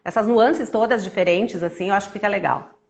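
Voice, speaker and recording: A woman storyteller who tells a children's tale with lively, expressive intonation, then chats casually with frequent restarts. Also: medium pitch, fairly quick, creaky. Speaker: storyteller guest.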